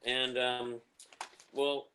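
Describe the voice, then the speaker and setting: Male host, bright tone, halting ad-lib delivery, faint background hiss. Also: mid-range voice, flat delivery. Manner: hesitant, many ums and uhs. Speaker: show host. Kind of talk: casual live-stream banter.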